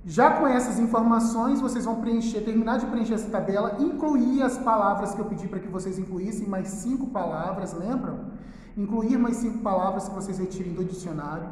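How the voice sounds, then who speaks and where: A Brazilian man teaching a recorded school lesson in front of a whiteboard, patiently repeating key words slowly and checking in with "tá?". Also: high voice. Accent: Brazilian Portuguese. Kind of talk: recorded online class lesson. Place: classroom with a whiteboard. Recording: echoey room with long reverb.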